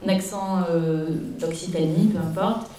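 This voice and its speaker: Casting director lady, low mellow voice, matter of fact, far off with lots of echo. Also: steady tone, measured pace. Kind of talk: public panel discussion. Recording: echoey hall, recorded from a distance.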